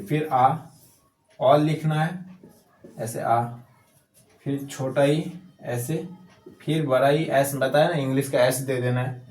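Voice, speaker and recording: A man's voice: medium pitch, darkish tone. Male Hindi tutor, patient and repetitive, walking students through each letter step by step, roomy echoey sound. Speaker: Hindi teacher. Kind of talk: casual handwriting lesson. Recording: echoey room.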